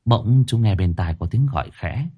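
A man narrating a horror story in a dramatic, highly expressive manner. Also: normal speed, husky, muffled recording. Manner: highly expressive, rising to cries.

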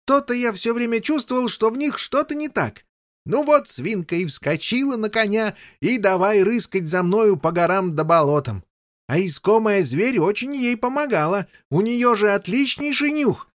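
A man's voice: sits high, expressive, moderate pace, no echo, clean studio sound, voice pushed up. A man voicing a bumbling, overexcited king who chatters on and never lets others speak. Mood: gushing. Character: bumbling, overexcited middle-aged male king. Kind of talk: audiobook character voice.

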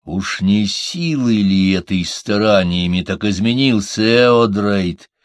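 A man voicing a calm, deliberate male dwarf who weighs his words. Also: fairly low pitch, dry recording, studio quality. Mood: pondering.

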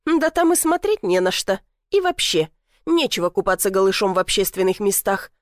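A woman's voice: mid-range voice, big pitch swings, normal speed, dry recording, lightly acted. A woman voicing a sarcastic, blunt male police officer in his thirties. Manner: dry, mocking, blunt. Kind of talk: audiobook character voice.

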